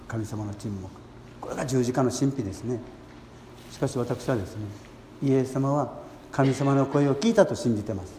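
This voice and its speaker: Earnest priest in an echoey church. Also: male voice, medium pitch, a little hiss or hum. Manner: gentle, earnest preaching with long pauses. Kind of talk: sermon at Mass. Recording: echoey church hall with faint ambience.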